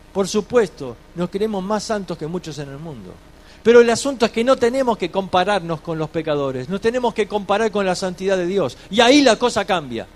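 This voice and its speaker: A man preaching a sermon, slowing on key phrases and dropping quiet for scripture readings. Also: high-pitched.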